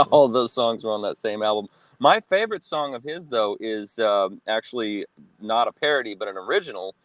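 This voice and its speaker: A man's voice: lowish voice, animated, normal speed, a bit bright, a little hiss or hum. A man in his forties in a casual reaction chat, recalling things hesitantly with many fillers. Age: 40s. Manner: hesitant, filler-heavy recollection. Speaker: co-host.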